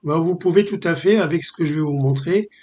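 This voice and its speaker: A man presenting a screen-recorded software tutorial, explaining step by step with frequent filler pauses. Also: fairly high pitch, muffled recording. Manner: hesitant, many filler pauses.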